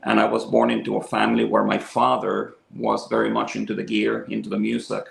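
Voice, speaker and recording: A gravelly, lowish male voice with a flat delivery and a fairly quick pace, recorded in an echoey room. He's a Venezuelan in his fifties who sells audio equipment, appearing as a guest in a casual interview and chatting enthusiastically about his love of music and gear. He comes across as a talkative, eager storyteller.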